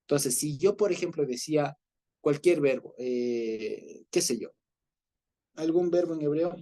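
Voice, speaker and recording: Guy teaching a bible study group, mellow warm voice, keeps checking in w his listeners. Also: on the high side, unhurried. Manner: explanatory, often checks in with a questioning "ya?"; hesitant, with fillers and restarts.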